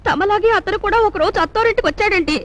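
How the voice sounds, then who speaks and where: A shrill, plaintive maid. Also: female voice, rapid-fire. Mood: storytelling. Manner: plaintive storytelling. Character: simple tearful housemaid telling a story. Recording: film soundtrack with music underneath.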